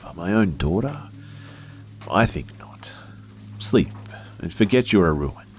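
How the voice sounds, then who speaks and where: A man's voice: sits low, very animated, slow pace, soft background music, voice pushed up, full character voice. A man narrating a horror story voices a cruel, ancient male spirit with a contemptuous drawl.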